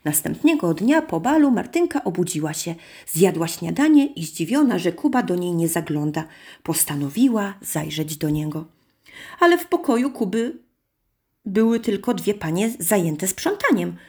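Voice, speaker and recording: A woman narrating a children's story in an expressive, sing-song manner. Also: on the low side, moderate pace, breathy edge.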